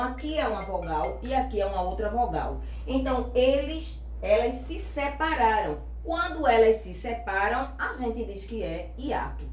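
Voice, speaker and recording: A woman's voice: a little high, distant mic. Woman teaching in an echoey room. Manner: explains patiently, asks checking questions, spells letters out slowly. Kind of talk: classroom grammar lesson.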